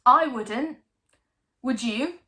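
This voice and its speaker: A woman playing a wry, defiant young woman obsessed with ghost stories in a theatrical dramatic monologue, emphatic and full of lingering pauses. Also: on the high side, sharp tone, heavily acted. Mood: excited, emphatic.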